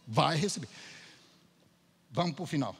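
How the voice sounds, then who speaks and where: Lively Brazilian preacher with husky voice. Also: male voice, fairly high pitch, measured pace. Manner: storytelling, lively, acts out dialogue. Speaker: Gideon speaker at church. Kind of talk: testimony sermon. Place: church sanctuary. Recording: hall reverb in church.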